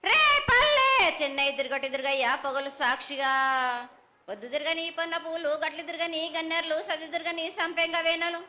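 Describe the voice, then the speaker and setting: A woman's voice: very high voice, a little fast, lo-fi sound. A woman oracle delivers a ritual invocation in short declamatory phrases, chanting in a prophetic, trance-like voice.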